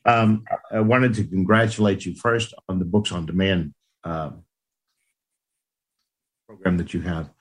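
A man's voice: low voice, fairly even intonation, measured pace, pauses often. A man joining a meeting over a call line that glitches and cuts out, speaking hesitantly and repeating words as he restarts. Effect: glitchy call audio that breaks up and cuts out. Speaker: participant on a conference call. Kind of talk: casual meeting talk. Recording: breaking-up conference call line, sounding far off.

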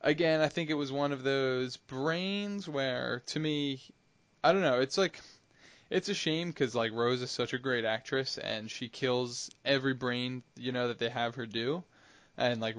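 A man's voice: mid-range voice, fairly bright tone, dry recording. A man hosting a TV podcast in casual chat, asking the others loosely for their thoughts. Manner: asks questions, casual and loose.

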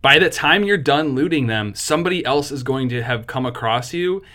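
A man's voice: mid-range voice, fairly quick. A man co-hosting a video game review podcast, chatting casually with fillers and frequent laughs. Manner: relaxed, laughs often, trails off with fillers. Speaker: podcast co-host.

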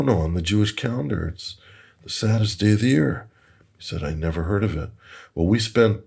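Very deep husky man telling stories. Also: a little mellow. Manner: chatty, chuckles, repeats words while searching. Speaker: podcast guest. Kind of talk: anecdotal storytelling. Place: Toronto.

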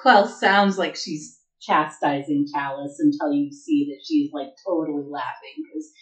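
A woman playing a tabletop role-playing game, narrating her character in a relaxed, amused way. Her voice sits on the lower side and she takes her time with it. The room gives it a clear echo. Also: unhurried. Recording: echoey room.

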